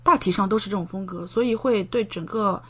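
A young woman, a medical PhD student studying in Japan, chats casually as a podcast guest and explains things using plenty of concrete examples. Her medium-pitched voice is husky and fairly quick.

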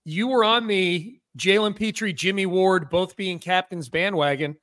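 A man's voice: high voice, unhurried, a bit bright, no echo, studio quality. An American man hosting a sports podcast in casual talk, sounding slightly stuffy in the nose.

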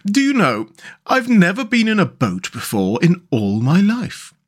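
Male reader as a storybook mole, shy, naive, childlike wonder, easily delighted, very animated. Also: high-pitched, a little slow, husky, pitched above the performer's own voice, full character voice.

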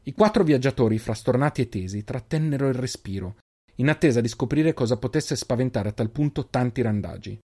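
A man narrating a fantasy story in a measured, even reading. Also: medium pitch. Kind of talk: audiobook narration.

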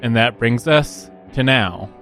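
Slow, halting game master man. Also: mid-range voice, loud music behind the voice. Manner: halting, filler-heavy narration. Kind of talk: narrating a tabletop game.

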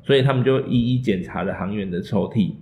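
A man's voice: fairly low pitch, quick pace, darkish tone. A man with a Taiwanese Mandarin accent telling a story in a casual podcast chat, playful and joking, acting out quoted lines. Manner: playful, acts out quotes with punny jokes.

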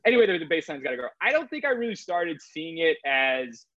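A crypto trader, appearing as an interview guest, rambles casually about his trading career and leans heavily on the filler "like." His voice sits high, sing-song, fast, pushed and bright, in a dull, slightly lo-fi dry recording.

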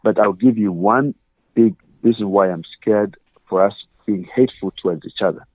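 A Ugandan-accented man speaks as an interview guest, earnestly laying out his views through examples and questions he quotes. He talks at a moderate pace in a fairly low voice, captured in a dry, phone-quality recording.

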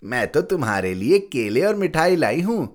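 A man's voice: fairly high pitch, very animated, normal speed, pitched above the performer's own voice. A man voicing a middle-aged aunt who fusses over her nephew in a raised, concerned voice. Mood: fussing.

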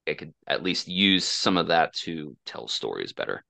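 A man's voice: a bass voice, sing-song, moderate pace, creaky, dry recording. A man from Oklahoma telling a childhood story as a coaching guest, hesitant and full of fillers. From Oklahoma, USA. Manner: hesitant, many fillers and restarts, soft-spoken. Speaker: coaching client and podcast guest. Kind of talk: casual personal storytelling.

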